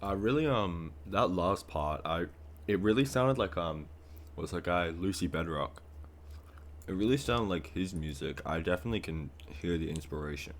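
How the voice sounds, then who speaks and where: A man's voice: low voice, moderate pace, noisy background. A man streamer reacting to music, talking in a rambling, casual way with many fillers.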